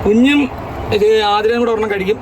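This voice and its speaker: A man chats casually as a family vlogger, excitable, repeating words in quick bursts and dropping in English words. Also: high voice. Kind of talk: casual vlog chat to camera. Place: in and beside a parked car in rain. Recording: noisy outdoor and in-car phone recording. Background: vehicle and urban outdoor noise.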